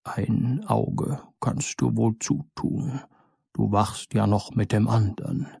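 A man's voice: fairly low pitch, takes it slowly, creaky, a little mellow, breathy edge, dry recording, clean studio sound, exaggerated voice. A man voicing a tired female owl on guard, muttering drowsily to herself in a storybook reading. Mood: drowsy.

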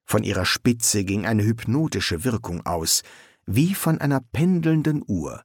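Man reading an audiobook, dry ironic delivery, lively voice, dead dry sound. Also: lowish voice, measured pace, slightly rough, no room sound. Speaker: audiobook narrator. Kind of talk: scripted narration.

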